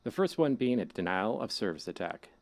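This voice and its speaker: Man acting as low-voiced casual hacker guide. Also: big pitch swings, a little fast. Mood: instructive, casual. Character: male hacker guide to the deep web, casual and ominous. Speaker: game tutorial narrator. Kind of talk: scripted tutorial narration in a horror game.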